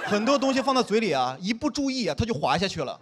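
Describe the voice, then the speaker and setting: A man's voice: sits high, very noisy. A young man performing a stand-up comedy set on stage, acting out quoted dialogue. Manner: animated, quick-talking, acts out quoted dialogue. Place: comedy stage before a live audience.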